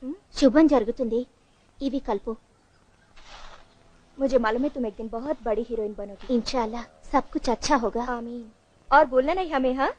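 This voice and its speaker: A woman's voice: high-pitched, brisk, pauses often, darkish tone, a little hiss or hum, natural voice. An actress playing an affectionate young woman who blesses a friend before her first film, in feature film dialogue. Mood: tender.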